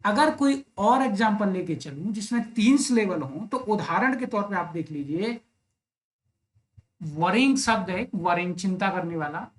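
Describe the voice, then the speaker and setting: A man teaching an exam-prep literature lesson online, explaining step by step, often checking in with the listener, and reading English verse lines very slowly. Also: sits high, expressive. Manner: explains step by step with frequent "right?" tag questions.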